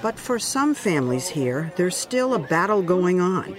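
A woman narrates a television news report in a slightly low voice. She reads the script in a measured, grave way. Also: sing-song, a crowd in the background. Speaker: news correspondent.

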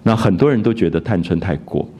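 Older guy, talking through a classic novel like a relaxed lecture, deep-ish mellow voice, lots of "ah" and restarts. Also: fast, husky. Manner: conversational, frequent filler "啊" and restarts, quotes characters in raised voice. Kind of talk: recorded literature lecture.

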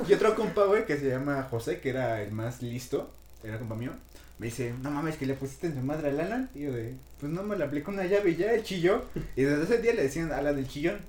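A man's voice: a little high, animated, fast, darkish tone, roomy sound. A young Mexican man telling a story in casual chat, rambling and full of slang and swearing. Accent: Mexican Spanish.

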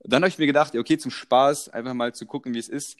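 A man's voice: medium pitch, fairly even intonation, fast. A young man co-hosting a podcast in casual chat, telling stories animatedly and laughing often. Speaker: podcast co-host.

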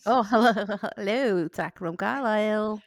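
A woman's voice: medium pitch, a little slow, dry recording, clean studio sound. A woman with a Cumbrian accent chatting casually as a podcast co-host, jokey and giggly. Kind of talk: casual chat.

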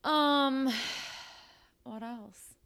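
A woman co-hosting a podcast in a casual chat, playful and teasing, with quick reactions and frequent laughs. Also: high-pitched, fairly bright tone, smooth. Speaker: podcast co-host.

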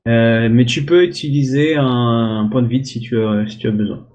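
Game master, male, mid-pitched, halting delivery with many fillers and mouth sound effects. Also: darkish tone. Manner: hesitant, lots of filler sounds, makes little sound effects. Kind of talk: narrating a tabletop game.

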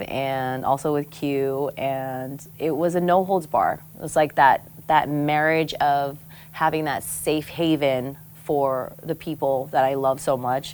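A woman from Samoa with a notably low speaking voice tells personal stories as a podcast guest. She is candid and animated, laughs easily and drops casual swears without hesitation. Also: a little hiss or hum. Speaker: guest, former show host. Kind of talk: candid conversational storytelling.

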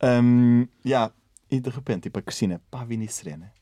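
A man's voice: mid-range voice, a little fast, dark tone, no echo. A young man co-hosting a podcast, telling gossip in casual chat. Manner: gossipy storyteller, acts out quotes. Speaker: podcast co-host.

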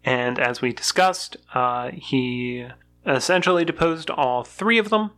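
Podcast co-host, mid-pitched, reads notes steadily with the odd "uh". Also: expressive, unhurried, a bit bright. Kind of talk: casual history podcast, reading notes aloud.

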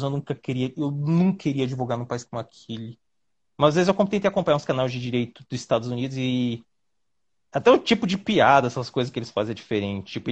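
A man from Brazil, a lawyer guest, chatting casually over a video call in an animated, rambling way with quick asides. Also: high-pitched.

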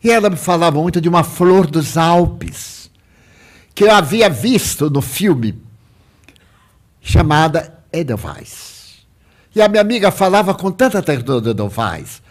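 Older man as speaker, dramatic spiritual storytelling, very lively pitch, loud-to-hushed swings. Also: unhurried. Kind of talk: telling a personal spiritual story to an audience.

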